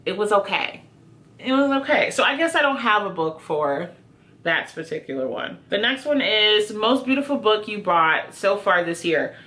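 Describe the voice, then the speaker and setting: This book reviewer talks to her viewers in a medium-pitched, fairly bright voice, animated and at a normal speed. Her chat to camera is loose and informal as she answers prompts, often poking fun at herself.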